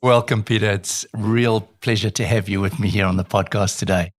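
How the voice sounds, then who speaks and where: A man's voice: lowish voice, fairly even intonation, brisk. A man hosting a podcast, asking short, friendly questions. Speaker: podcast host. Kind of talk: interview hosting.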